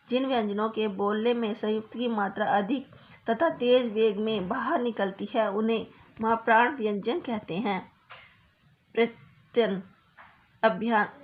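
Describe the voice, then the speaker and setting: A woman teaching a school grammar lesson, reading out definitions one after another in a steady way. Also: on the high side. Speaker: Hindi teacher. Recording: dull lo-fi sound with faint hiss.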